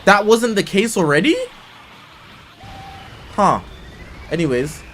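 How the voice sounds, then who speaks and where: A tired man streams live and chats casually with his viewers while reading game update notes aloud, stopping to react to them. His voice sits at a middle pitch, and faint music plays in the background. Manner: chatty, reads patch notes aloud and reacts. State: tired, yawning. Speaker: livestreamer.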